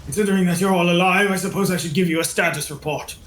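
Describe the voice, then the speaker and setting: A man's voice: sits high, fairly even intonation, fairly bright tone. A man voicing a weary nobleman who gives a formal, grim status report in a tabletop game. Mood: grave. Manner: measured, formal.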